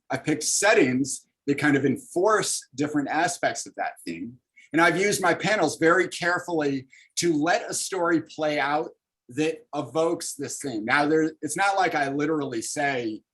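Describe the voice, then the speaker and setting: A man's voice: on the high side, a bit bright, poor audio. A man in his thirties, a comics artist leading an online library workshop, talking casually and upbeat with many fillers over a video call.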